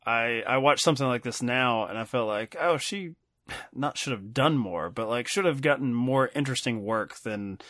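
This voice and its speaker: A man co-hosting a casual film discussion, halting and self-correcting, wry with small chuckles. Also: mid-range voice, fairly bright tone, no room sound. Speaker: podcast co-host.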